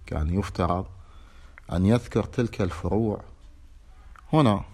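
A man with an Iraqi accent giving a lecture on a religious legal text, reading formal passages and then explaining them in colloquial speech with rhetorical questions. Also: lowish voice. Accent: Iraqi Arabic. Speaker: religious teacher.

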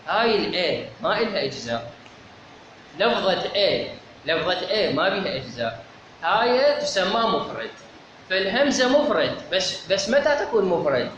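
A man's voice: high voice, a bit bright. A man with an Iraqi accent teaching a seminary lecture on logic, methodical, asking rhetorical questions and answering them himself. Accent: Iraqi Arabic. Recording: very echoey, dull lo-fi, clear background noise.

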